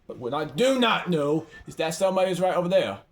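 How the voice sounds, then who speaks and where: Excitable young gamer, high and lively. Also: male voice, fast. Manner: excitable, swings from hushed mumbling to yelling. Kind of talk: live game commentary.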